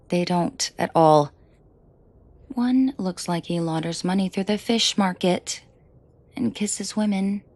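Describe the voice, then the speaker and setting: A woman performs an intimate audio roleplay for the listener as a mafia boss who is menacing, protective and flirtatious. Her breathy, husky low voice carries vocal fry and is a little mellow, slow and deliberate, dryly sarcastic and often sinking to a murmur. She sounds furious and scathing.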